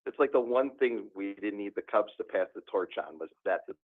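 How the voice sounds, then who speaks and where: A man's voice: on the low side, expressive, brisk. Chatty man chairing a committee meeting. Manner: chatty and joking. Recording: tinny phone-like line.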